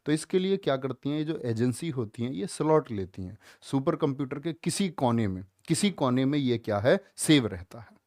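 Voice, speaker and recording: A man teaching a live online class, loud and emphatic, drilling students with repeated questions. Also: mid-range voice, lively intonation, normal speed, dry recording, studio quality.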